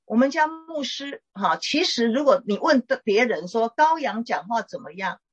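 A middle-aged woman, a pastor's wife, gently teaching and counseling a caller in a chatty way with small laughs. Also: on the high side, expressive, moderate pace, breathy edge, highs cut off. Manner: warm conversational teaching, frequent "哈" tags and laughs.

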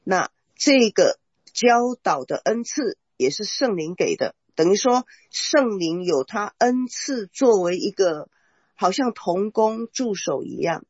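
A Bible teacher explaining faith in a measured, casual way, often murmuring agreement. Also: mid-range voice, big pitch swings, slightly rough, no room sound. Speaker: Bible teacher leading the talk. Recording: dry, dull lo-fi sound.

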